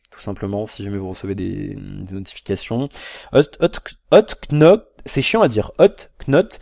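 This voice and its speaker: A man's voice: on the low side, mellow, dry recording, clean studio sound. A man casually reviewing a phone on camera at home, rambling and hesitant, with lots of fillers and restarts. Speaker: tech reviewer. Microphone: built-in camera mic, camera resting on a box.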